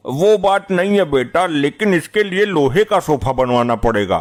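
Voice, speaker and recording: A man's voice: a little high, animated, normal speed, a little hiss or hum, natural voice. A man voicing a bumbling, teasing middle-aged father in a dubbed cartoon. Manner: teasing, then cowering. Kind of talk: cartoon dubbing. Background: background music.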